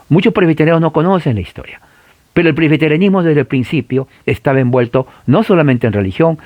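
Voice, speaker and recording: A man with a medium-pitched, slightly mellow voice lectures on church history, with no room sound in the recording. He stresses and repeats key points, has listeners repeat after him, and keeps adding "eh" and the tag "¿no?".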